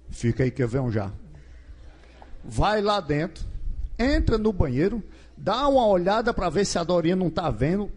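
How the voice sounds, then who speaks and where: Lively, high-voiced Brazilian preacher. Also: male voice. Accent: Brazilian Portuguese. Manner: asks the crowd questions and acts out scenes. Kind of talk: lively sermon. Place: large gymnasium.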